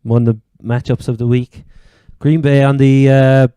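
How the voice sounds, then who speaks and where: A man's voice: medium pitch, level tone, normal speed, dark tone, smooth, no room sound, clean studio sound. A man with an Irish accent from Cork, hosting a casual sports chat. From Ireland. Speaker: sports podcast host.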